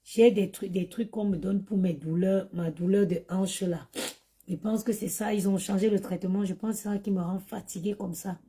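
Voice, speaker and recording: Woman, tired, chatty phone live stream, mid pitch, addresses viewers directly. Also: fairly even intonation, moderate pace, mellow, breathy edge. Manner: chatty, talks straight to her viewers. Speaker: mother doing a live stream. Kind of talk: casual live-stream chat.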